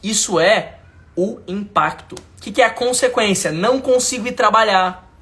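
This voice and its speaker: With a high voice, a fairly bright tone, and a moderate pace, a Brazilian Portuguese-accented man lectures in a live online class as a mentor. His style is emphatic and slangy; he repeats himself, speaks to viewers directly, and asks if things make sense.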